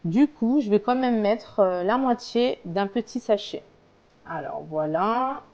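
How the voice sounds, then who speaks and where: A woman's voice: mid-range voice, animated, takes it slowly, darkish tone, muffled recording. A woman casually talking through a recipe step by step as a home cook, in a hesitant, explanatory way. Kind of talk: casual cooking tutorial, talking through steps.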